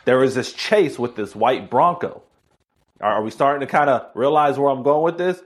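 An energetic man in his thirties from Miami tells his story as a podcast guest. He talks fast and with animated enthusiasm, in a mid-range voice. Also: medium pitch. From Miami, Florida. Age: 30s. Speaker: guest, author and speaker. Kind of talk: casual interview storytelling.

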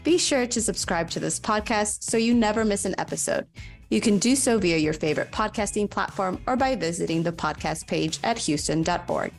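A woman hosting a business podcast, asking questions and reading sponsor messages in an upbeat, steady way. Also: medium pitch, brisk, gravelly, soft background music. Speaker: podcast host. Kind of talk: podcast interview and sponsor reads.

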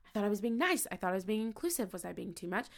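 A high-energy woman chatting casually, peppering her sentences with "like". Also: very animated, rapid-fire. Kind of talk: casual conversation.

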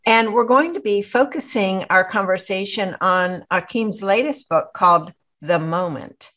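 A woman's voice: mid-range voice, measured pace, fairly bright tone. A woman hosting an interview show, introducing her guest with enthusiasm. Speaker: podcast host.

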